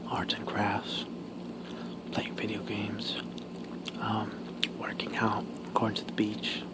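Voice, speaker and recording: A man whispering casual ASMR talk while chewing gum, pausing between short, halting phrases. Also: on the low side, creaky, low-quality recording. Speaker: ASMR video creator.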